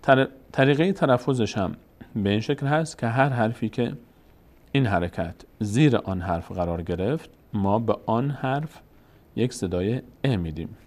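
A man with Persian as his first language teaching Arabic reading in a recorded lesson, sounding out letters and words one at a time in a slow, deliberate way. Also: on the low side, animated, a little mellow.

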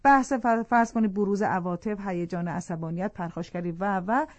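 A woman's voice: mid-range voice, darkish tone, dry recording. A woman explaining the psychology of couples on a talk show in an earnest, lecturing way, restating her points for emphasis. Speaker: family psychology expert.

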